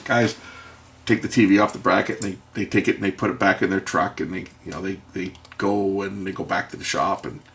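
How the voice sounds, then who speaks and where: A man's voice: low voice, steady tone, brisk, gravelly, fairly bright tone, a little hiss or hum. A middle-aged man rambles through a wry anecdote while repairing something, muttering asides about the work. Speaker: video maker and electronics tinkerer.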